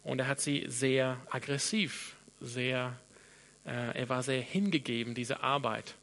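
An Australian pastor in his thirties, whose first language is English, preaches a sermon in German with an Australian accent. His medium-pitched voice is steady, measured and a bit bright, and he often restarts and repeats words as he thinks aloud.

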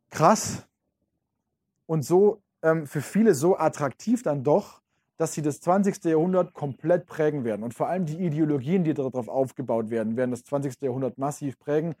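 Husky-voiced man giving a casual lecture. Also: a little high, moderate pace, dark tone. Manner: casual, addresses listeners directly, many fillers. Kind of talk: informal lecture.

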